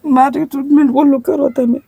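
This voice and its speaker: A woman, crying as she tells of her hardship in a halting, pleading way. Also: high-pitched, fairly even intonation, creaky, dark tone, no room sound. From Gujarat. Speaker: interviewee, widowed mother. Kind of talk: emotional testimony.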